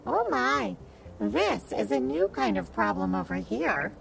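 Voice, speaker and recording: A woman voicing a tiny, fussy silver dawn dragon in a high, prim, piping voice for a storybook reading. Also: sing-song, a little slow, vocal fry, a little hiss or hum, full character voice. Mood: curious.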